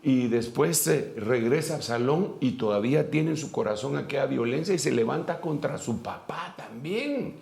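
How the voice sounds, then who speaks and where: Gravelly-voiced man preaching a sermon. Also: mid-range voice. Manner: retells scripture in a lively storytelling way with pauses and restarts. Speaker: pastor.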